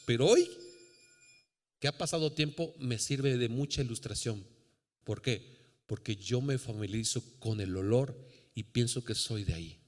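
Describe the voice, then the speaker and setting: A man's voice: mid-range voice, darkish tone. A man with a Mexican accent, a pastor preaching an emphatic sermon straight to his congregation. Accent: Mexican Spanish. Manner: emphatic, rising fervor, direct address to the congregation. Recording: long church reverb.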